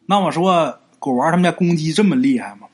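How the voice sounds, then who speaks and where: This man's expressive, slightly high voice carries a chatty telling of a serialized ghost story. He often draws out phrase-final particles such as 啊 and 呀, and he keeps asking himself questions only to answer them.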